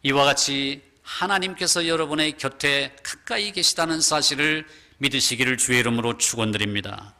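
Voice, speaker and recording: A man preaching a sermon as pastor, emphatic and exhorting, who drops to a hushed, slower voice when he quotes scripture. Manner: emphatic preaching, lowers voice to a hush when quoting God.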